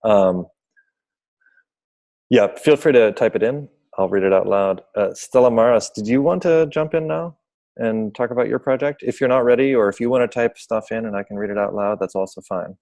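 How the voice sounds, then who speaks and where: A man's voice: lowish voice, normal speed, a little mellow. A man hosting an online seminar over a video call, explaining projects informally and apologizing for glitches. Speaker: seminar host.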